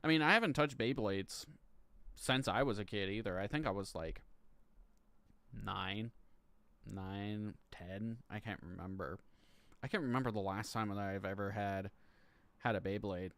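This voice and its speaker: A man's voice: fairly low pitch, unhurried, pauses often, a bit bright, clean tone, no echo. A man in his thirties chatting casually on a live stream, rambling and swearing, laughing between lines and stumbling as he reads legal text aloud. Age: 30s. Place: home room.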